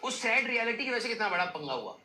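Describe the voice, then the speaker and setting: A young man tells his class a rambling, joking tale from his school days. His voice is bright, and English phrases slip into his talk. The room is echoey, with a faint hum behind him. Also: extremely high pitch, big pitch swings, fast. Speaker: teacher. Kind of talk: casual storytelling to students. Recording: roomy echo, faint background noise.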